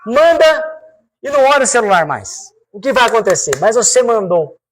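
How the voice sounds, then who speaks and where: Expressive Brazilian man giving a spiritual talk. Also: a little hiss or hum. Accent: Brazilian Portuguese. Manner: expressive, swinging pitch with slow emphatic repetitions; addresses the audience directly with rhetorical questions. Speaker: spiritual speaker.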